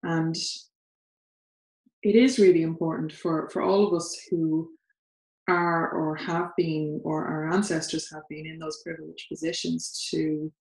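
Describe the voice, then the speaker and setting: A co-host in her thirties from Ireland speaks in a low, unhurried voice with little pitch movement, vocal fry and a darkish tone. With her Irish accent she talks earnestly and thoughtfully in a casual chat in her sitting room, laughing between points. A distant camera records the roomy echo.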